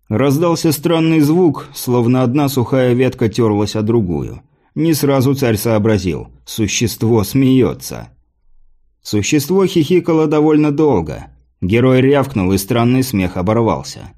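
A man narrating a fantasy audiobook in a measured, even storytelling manner. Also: mid-range voice.

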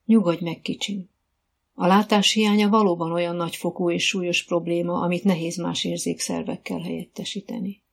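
A woman's voice: lowish voice, flat delivery, creaky, husky. A woman voicing an adult female riding instructor who is patient and encouraging, calling out commands to her pupils. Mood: soothing.

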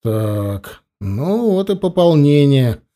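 Reader as officer: steady, dry humor, mellow. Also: male voice, a little high, slow. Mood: calm. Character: lieutenant colonel, family man, calm and wry.

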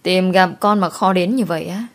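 A woman voicing a vain, sharp-tongued rich mistress who scolds and mocks. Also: lowish voice, normal speed, natural voice. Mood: sour. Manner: scolding, sour and mocking.

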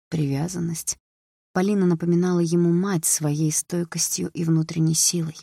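A woman narrating a novel as an audiobook, in an even, measured reading. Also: sits low, gravelly, slightly rough, dry recording, clean studio sound.

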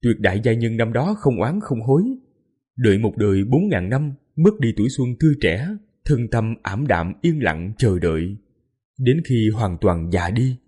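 Male audiobook narrator, dramatic and mournful, husky voice with a lively pitch. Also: normal speed. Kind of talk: scripted narration.

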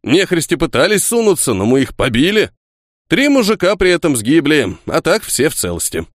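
A man's voice: on the high side, wildly swooping pitch, normal speed, dry recording, studio quality, pitched above the performer's own voice. A man voicing a retired army sergeant and estate servant, giving his report in dutiful, soldierly folk speech.

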